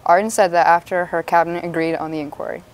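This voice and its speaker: A woman's voice: on the low side, fairly even intonation, fast. A young woman reading scripted news as an anchor on a student mock newscast.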